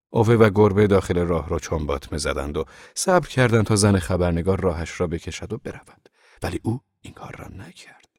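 A man narrating a novel as an audiobook in a calm, measured reading. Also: deep voice, no room sound, studio quality.

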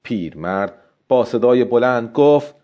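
A man narrating a story as a scripted audiobook, in a calm, steady way. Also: mid-range voice, lo-fi sound.

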